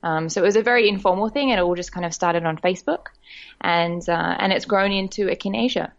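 Chatty woman, lower voice, muffled sound. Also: quick pace, vocal fry. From Australia. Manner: warm, chatty storytelling with frequent laughs and fillers. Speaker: guest, director of a women's network. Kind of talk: podcast interview.

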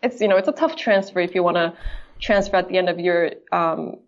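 Gravelly-voiced woman from Japan, laughing guest. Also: fairly low pitch, a little fast. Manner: laughs easily, hesitant with fillers. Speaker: guest, company co-founder. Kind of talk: casual interview chat. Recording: slightly dull, lo-fi.

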